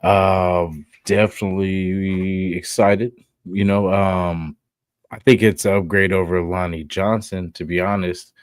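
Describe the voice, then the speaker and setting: A man co-hosting a casual sports podcast, talking in a relaxed, hedging way and often tagging on "you know what I'm saying.". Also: deep voice, measured pace, smooth, no echo. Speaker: podcast co-host.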